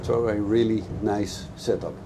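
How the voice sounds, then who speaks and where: Man, middle-aged, boat dealer, enthusiastic product walkthrough, loud engine noise behind. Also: fairly low pitch, steady tone, unhurried. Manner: enthusiastic, explanatory, speaks over engine noise. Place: aboard a moving motorboat. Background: boat engine and water noise.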